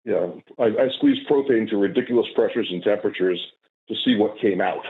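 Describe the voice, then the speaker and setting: An older man phones in to a call-in debate talk show, his low-side, slightly rough voice coming fairly quickly over a tinny phone line. He explains his view hesitantly, with many fillers and restarts.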